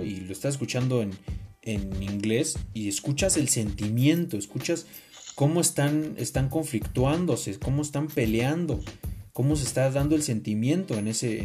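A podcast co-host with a Mexican accent talks casually at a medium pitch. His style is opinionated, slangy, and expressive.

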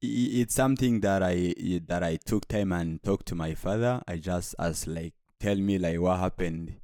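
A young man from Rwanda, a native Kinyarwanda speaker, is a guest in a casual interview conversation. His low-ish voice is soft-spoken and halting, with repeated restarts and hesitation, and the recording sounds dry and close.

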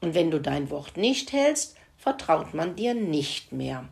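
A woman voicing a small, earnest young mouse girl in a children's story, with a squeaky manner. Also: big pitch swings, takes it slowly, vocal fry, darkish tone, exaggerated voice.

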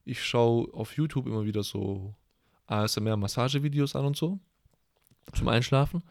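A man's voice: medium pitch, normal speed, gravelly, no echo, studio quality. Young man, loose rambling chat. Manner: loose, rambling, crude humor. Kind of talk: casual slangy chat.

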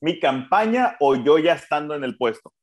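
A man's voice: a little high, lively intonation, normal speed. A man with a Sonoran, northern Mexican accent chatting casually as a podcast co-host in slangy frat-bro talk. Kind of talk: casual chat.

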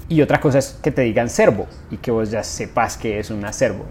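A man's voice: on the low side, a little fast, darkish tone, a little hiss or hum. A young adult man, co-hosting a casual podcast, joking and rambling through explanations. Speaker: podcast co-host.

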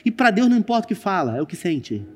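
A man's voice: sits high, very animated, fast talker. A man pastor with a Brazilian Portuguese accent, preaching a sermon and telling a personal story, speaking straight to the congregation with dramatic turns. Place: church stage with screen.

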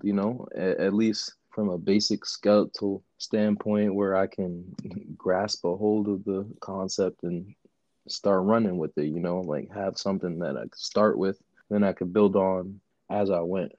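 A man's voice: on the low side, mellow, dry recording. A man with a Southern US accent chatting casually on a podcast as a coach, telling his story informally with plenty of "you know". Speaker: powerlifting coach and guest. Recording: dull, muffled lo-fi audio.

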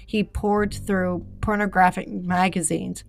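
A woman's voice: fairly low pitch, little pitch movement, slow, gravelly, slight background noise. A woman reading a true-crime script with casual asides, stumbling often, apologizing and using many fillers, with the hiccups.

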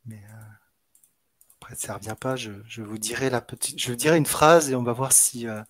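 A man's voice: mid-range voice, fairly quick. A man co-hosting an online podcast, talking casually with many fillers and restarts. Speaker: podcast co-host.

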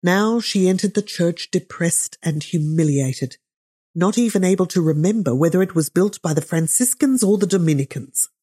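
A woman narrates an audiobook in a measured, gently ironic way. Her voice sits low and mellow, with a husky grain. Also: lively intonation.

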